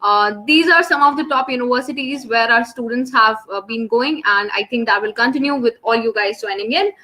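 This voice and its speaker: A woman's voice: fairly high pitch, brisk, sharp tone. A young woman with an Indian English accent, hosting and presenting a live online webinar for students. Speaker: webinar host. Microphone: online call microphone.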